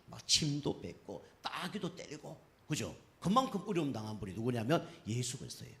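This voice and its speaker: A middle-aged man, a pastor, preaching a Sunday sermon with emphatic rises on key phrases and frequent tag questions to the congregation. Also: mid-range voice.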